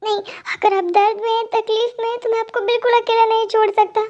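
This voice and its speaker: A caring younger brother coaxes his sister in a worried, very high voice, as a young woman puts him on. The home recording sounds dull and lo-fi. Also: level tone, quick pace, a little mellow. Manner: coaxing, worried. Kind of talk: dramatic fan-dub voice acting.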